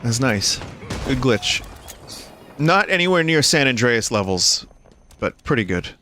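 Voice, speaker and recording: Male streamer, mid-pitched voice, wry rambling casual chat, clear game gunfire behind. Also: big pitch swings, a little slow, pushed and bright, a little hiss or hum. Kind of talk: casual chat while gaming.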